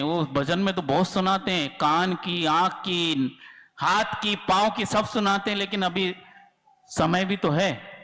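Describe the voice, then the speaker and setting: A man's voice: sits high, fairly bright tone. A man preaching a sermon as a monk, acting out little dialogues and putting questions to his listeners. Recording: reverberant hall.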